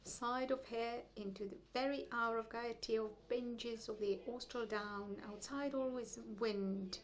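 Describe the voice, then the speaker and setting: A woman reads translated poetry aloud at a festival reading. Her voice sits a little high and her delivery is measured and deliberate. She stops only briefly to explain a term. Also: fairly even intonation. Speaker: poetry reader.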